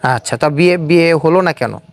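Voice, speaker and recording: A Bangladeshi-accented host runs a casual street-style interview on camera, speaking in a mid-range voice at a slightly fast pace. He probes by turning the guest's answers back into questions.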